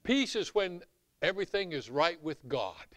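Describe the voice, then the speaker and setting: A middle-aged or older man preaches with a Southern US accent. His voice is somewhat high, bright and clear, with a dry, close sound. He delivers scripture and commentary in a folksy, emphatic sermon style. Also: big pitch swings, normal speed, dry recording. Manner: emphatic, folksy, swinging from hushed asides to shouts. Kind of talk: animated sermon with scripture reading.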